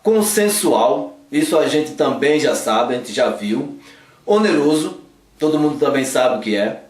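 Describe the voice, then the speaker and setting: Teasing his sidekick as he goes, a Northeastern man teaches law in a playful, joking, casual way. He sounds animated and speaks a little slowly at a medium pitch, with roomy echo from being somewhat distant from the microphone.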